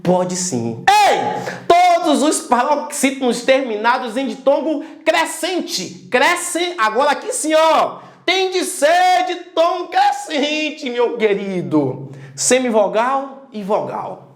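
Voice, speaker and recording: A man teaching a lively video lesson, emphatic, calling out to his students and stretching out syllables to make a point. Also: extremely high pitch, takes it slowly. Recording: roomy echo.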